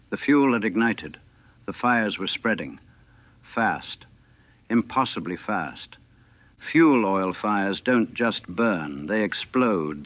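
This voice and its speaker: A man's voice: on the low side, dry recording. A former navy cook recounting his war memories in terse, clipped fragments, heard on an old 1940s recording. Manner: terse, clipped sentence fragments, measured and grave. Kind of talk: personal war memoir told in first person. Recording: tinny, narrow-band, dry old 1940s recording.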